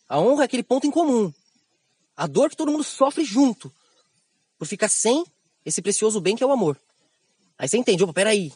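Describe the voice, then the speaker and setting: A man with a Brazilian Portuguese accent giving an esoteric spiritual monologue as a teacher, animated and slangy, acting out other people's words in raised voices. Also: extremely high pitch, no room sound.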